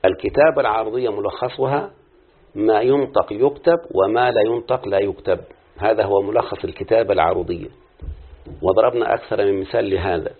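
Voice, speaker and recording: A brisk, husky man with a lowish voice and an Egyptian Arabic accent teaches his pupils prosody in class, drawing out syllables as he goes. The recording has a tinny, phone-quality lo-fi sound.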